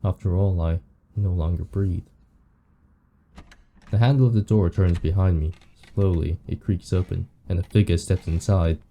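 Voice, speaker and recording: A man reading the lines of a weary, morbid undead painter from a visual novel, slowly and somberly. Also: sits low, fairly even intonation, creaky, dark tone. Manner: slow, somber reading of game text.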